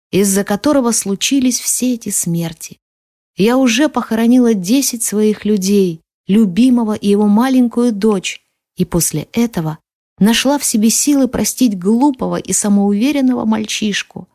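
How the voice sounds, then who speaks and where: A woman narrating a first-person audiobook in an expressive, sometimes hushed manner. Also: medium pitch, moderate pace, dry recording, clean studio sound.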